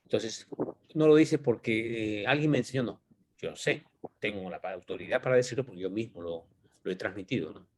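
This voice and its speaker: A man's voice: on the low side, fairly quick, slight background noise. A man giving an informal Bible teaching, thinking aloud and asking rhetorical questions as he explains the passage.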